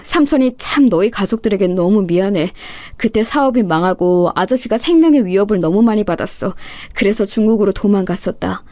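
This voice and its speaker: A remorseful old uncle who speaks in a subdued, apologetic way, a little lower than the reader's own voice, as a woman narrator plays him. The audiobook voice is recorded close and dry, with no room echo. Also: dark tone, lightly acted. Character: older man, remorseful returned uncle.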